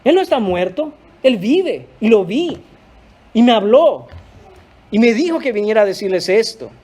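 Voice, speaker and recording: A man doing an excited joyful woman with big news. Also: high voice, normal speed, breathy edge, full character voice.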